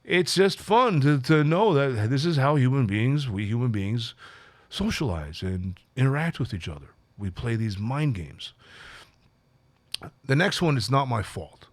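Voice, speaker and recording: A man speaks to camera as a life coach, musing casually to his audience and frequently using fillers and starting over. His medium-pitched voice has lively intonation and a measured pace, recorded without echo.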